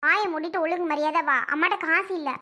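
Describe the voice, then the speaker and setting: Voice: very high-pitched, steady tone, fast talker, heavy background noise. A performer playing a harried, stern mother who scolds her child curtly. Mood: scolding. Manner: scolding, curt.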